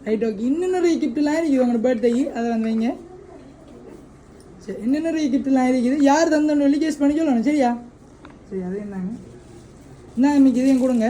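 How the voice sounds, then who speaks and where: A woman's voice: high-pitched, fast talker, pauses often, mellow, slight background noise, low-quality recording. A woman hosting a birthday surprise delivery, coaxing a child with repeated questions.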